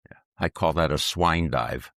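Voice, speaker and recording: A man with a very low voice speaks slowly and deliberately, discussing scripture with a conversational partner. He drops deadpan puns into the talk. The sound is close and dry. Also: creaky, no echo. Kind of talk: conversational Bible teaching. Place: outdoors at ancient hilltop ruins.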